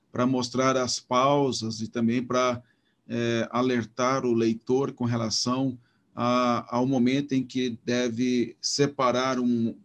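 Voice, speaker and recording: Halting Brazilian man teaching a lesson. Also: mid-range voice. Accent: Brazilian Portuguese. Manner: halting, many restarts, pointing at slides. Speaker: Hebrew teacher. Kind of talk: recorded online lecture.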